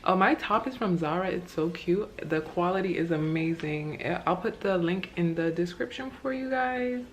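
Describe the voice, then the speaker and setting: A woman's voice: on the low side, moderate pace, slight background noise. A young woman with a slight lisp from a retainer, chatting casually to viewers as a beauty vlogger.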